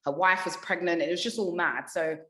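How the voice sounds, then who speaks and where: A young English woman, a radio presenter appearing as a podcast guest, chats candidly in a low-leaning voice at a slightly fast pace. She tells animated stories packed with swearing and laughter, and the recording has a roomy sound.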